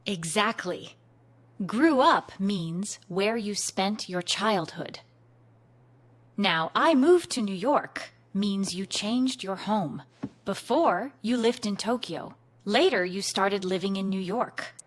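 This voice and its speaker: In a scripted beginner English lesson, a woman teaches with clear, patient, encouraging speech. Her medium-pitched voice is animated, and she speaks slowly.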